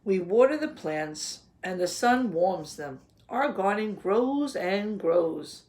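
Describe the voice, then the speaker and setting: Here a teacher in her thirties reads aloud from a picture book for young children, using an animated, mid-range voice. She keeps a gentle tone, stops to ask questions, and explains words simply while sitting close to a webcam in her small home office.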